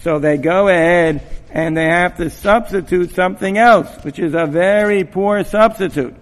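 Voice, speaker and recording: A man giving an informal Torah talk to students, halting with many restarts and repeated words, and peppering his speech with Hebrew and Yiddish terms. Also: high-pitched, long reverb tail. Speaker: rabbi giving a mussar talk.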